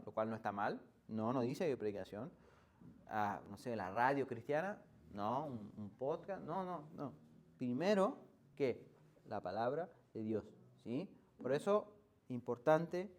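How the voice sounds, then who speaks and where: A man's voice: mid-range voice, darkish tone. A male pastor with an Argentine accent preaching a sermon in a conversational way, often asking the congregation rhetorical questions and restarting phrases as he explains. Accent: Argentine Spanish. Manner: hesitant restarts while explaining. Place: church.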